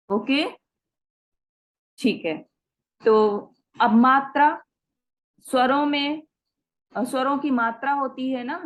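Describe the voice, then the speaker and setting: A woman teaching a Sanskrit grammar class. She explains step by step, sounds out each example word slowly, mixes English words into her Hindi and keeps checking in with her students. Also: fairly high pitch, poor audio.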